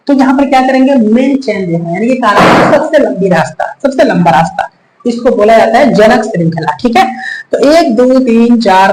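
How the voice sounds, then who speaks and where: A man with a high, darkish-toned voice teaches chemistry on a whiteboard, calling his students children, counting aloud, and patiently going back over steps. Slight background noise and faint ambience fill the echoey room.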